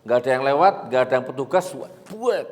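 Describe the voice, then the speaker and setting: A male preacher, telling stories in a sermon and swinging between loud exhortation and hushed asides. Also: medium pitch, expressive, fast. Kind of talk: storytelling sermon. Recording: echoey hall with long reverb.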